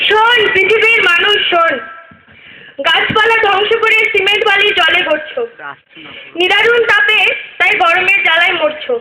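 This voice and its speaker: A woman acts out a sorrowful female nature spirit in a stage play, her voice pitched extremely high as she laments and lectures in rhyming verse. The sound is roomy and echoey, like a hall. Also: moderate pace, background noise. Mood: reproachful declaiming. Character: grieving female nature spirit, river and tree.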